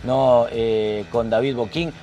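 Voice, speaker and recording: A man with a Salvadoran accent, a football commentator on a sports talk show, retelling matches play by play with lively sound words. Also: medium pitch, slow pace, soft background music.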